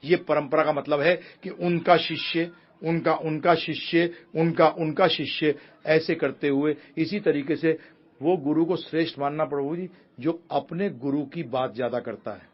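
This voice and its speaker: A man giving a devotional discourse on scripture, preaching with animated emphasis and quiet asides. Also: a little high, a little slow, highs cut off. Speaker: spiritual speaker.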